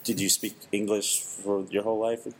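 A man's voice: lowish voice, flat delivery, slight background noise. Male podcast host, casual, hesitant questions. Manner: halting, many ums and laughs. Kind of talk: casual interview.

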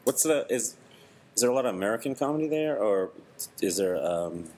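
Halting male podcast host. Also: lowish voice, animated, darkish tone. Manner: halting, many ums and laughs. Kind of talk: casual interview.

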